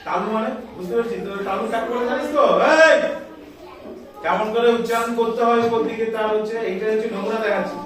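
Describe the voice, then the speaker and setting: A man's voice: very high voice, quick pace, very echoey, distant mic. A man teaching schoolchildren a music lesson, explaining step by step, calling out scale notes and scolding the chatty ones. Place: school classroom.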